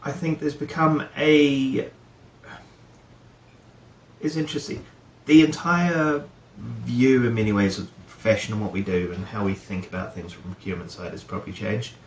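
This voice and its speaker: A middle-aged man from New Zealand, a head of procurement appearing as a guest, chats casually about his career in an interview, with many fillers and restarts. His mid-range voice is steady and moderately paced, and the audio is reverberant.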